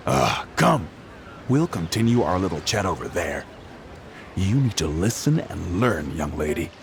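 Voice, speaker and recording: A sneering tabloid editor. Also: male voice, medium pitch, slight background noise. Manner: sneering, bullying, mocking. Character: sleazy scheming male tabloid editor, middle-aged. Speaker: game character. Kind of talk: video game voice acting. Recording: game audio with music behind.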